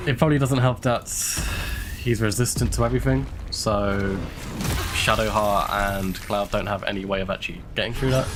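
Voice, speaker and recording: A young Londoner from the UK, stuffy from a cold, chats casually while live-streaming a game, his voice on the low side against background noise. He's chatty, laughs a lot, and thinks out loud as he comments on the gameplay.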